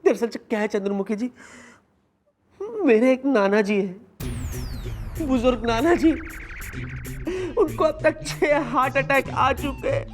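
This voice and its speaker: A man's voice: extremely high pitch, expressive, slow pace, long pauses, soft background music, heavily acted. A man playing a police boss in a TV sitcom, talking in an overblown, wailing, melodramatic way. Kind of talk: TV sitcom acting.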